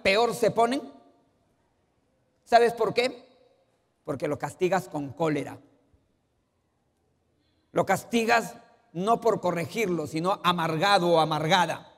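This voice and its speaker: In a church sanctuary, a pastor preaches in a high, lifted voice, a little slow and pausing often. He asks the congregation questions and swings between loud emphasis and quiet asides, his words fading into the hall's long reverb.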